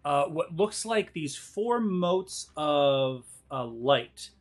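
Halting male game master, slightly high voice. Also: lively intonation. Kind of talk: narrating an online tabletop game.

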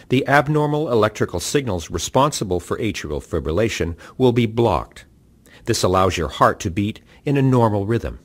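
A man reads a scripted patient orientation in a calm, measured way. His voice sits on the low side, yet his pitch moves in a lively way from phrase to phrase. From Canada. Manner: calm, measured instructional delivery. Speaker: narrator. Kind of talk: scripted narration.

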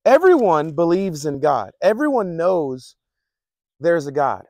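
A man's voice: fairly high pitch, sing-song, a little slow, a little mellow, dry recording. A man preaching a casual, conversational sermon, often repeating himself and chuckling between points. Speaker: pastor.

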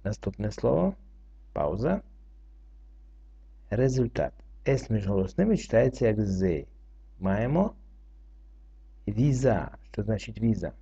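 A man teaching French reading, going through it slowly word by word and spelling out letters and rules. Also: lowish voice, sing-song, gravelly, mellow, husky. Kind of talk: slow word-by-word reading lesson. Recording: dull lo-fi recording.

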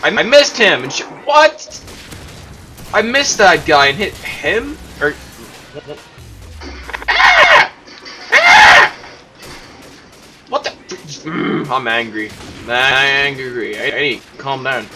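A man giving casual, self-mocking commentary over his own gameplay, prone to excitable outbursts. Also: a little high, measured pace, faint music behind. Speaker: gaming commentator.

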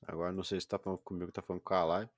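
Low-voiced gamer streaming. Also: male voice, flat delivery, very fast, dry recording, studio quality. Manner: patient, explaining step by step. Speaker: gaming livestreamer. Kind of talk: casual gaming stream chat.

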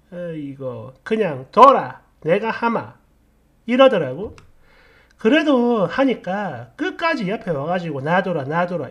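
A woman telling a story in a casual, blunt and sarcastic way, with an animated delivery. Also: medium pitch.

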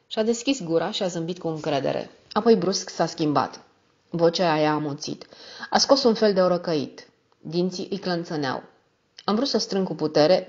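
A woman narrating an audiobook in a calm, measured manner. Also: on the low side, highs cut off.

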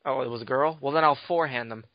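Racing along in a mid-range voice, a podcast host chats casually with crude teasing banter. There is no room sound; the recording comes from a dull, lo-fi, dry podcast mic.

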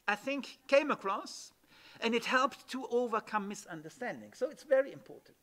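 At a panel event, a middle-aged German man gives a spoken conference talk in an emphatic manner, often restarting and checking in with "yeah?" His voice sits high and sounds pushed and bright.

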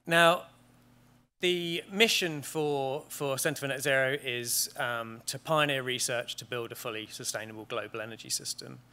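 A British man in his thirties gives a conference presentation from the stage of a large wood-panelled auditorium. His bright, clear voice is medium in pitch and steady in tone. He speaks at a measured pace, often pausing on "um" and restarting his sentences.

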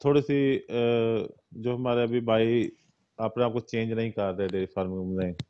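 A man asks a veterinarian questions over a crackly phone line that drops out, pausing often to find his words. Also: mid-range voice, steady tone, smooth. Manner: halting, searching for words. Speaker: interviewer asking a veterinarian questions. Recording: muffled noisy phone call.

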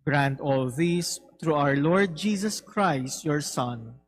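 A man leading a formal recited prayer in a solemn, deliberate manner. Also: a little high, expressive. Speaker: prayer leader. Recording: clear background hum and noise.

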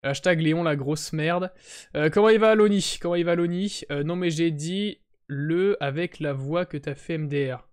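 A man's voice: fairly high pitch, normal speed, clear, resonant tone. A young man with a French accent chatting casually and joking with viewers as a live streamer. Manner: joking, greets chat viewers, self-mocking. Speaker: Twitch streamer.

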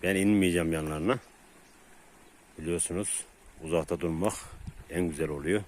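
Low-voiced man talking to his dogs outdoors. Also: moderate pace. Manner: calls and soothes dogs, repeating words. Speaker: dog owner filming his dogs. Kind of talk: casual vlog commentary to viewers. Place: outdoors in a rural area.

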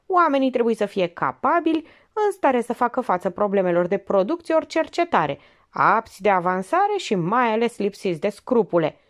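A woman reading the part of a shrewd, calm female police investigator who explains in a measured way. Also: on the high side, voice pushed up. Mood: explaining.

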